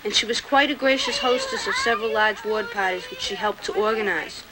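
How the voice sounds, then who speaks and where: A nineteen-year-old woman reciting her own poem and reading records aloud in a plain, earnest way, with some halting restarts, heard from a worn VHS tape copy. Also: mid-range voice, expressive. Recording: hissy worn videotape copy.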